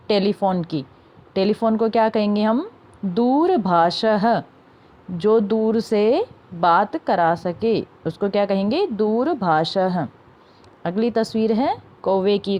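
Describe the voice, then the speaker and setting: A young woman teaching a class of children, sounding out each word slowly and answering her own questions. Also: medium pitch, lo-fi sound. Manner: slow, careful word-by-word pronunciation drills; asks questions and answers them herself. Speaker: Sanskrit teacher.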